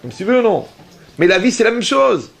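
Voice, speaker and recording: A man's voice: high voice, brisk, creaky. A man giving a rabbi's sermon to an audience, telling stories with acted-out dialogue and often asking whether listeners follow him. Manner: lively storytelling with acted dialogue and jokes.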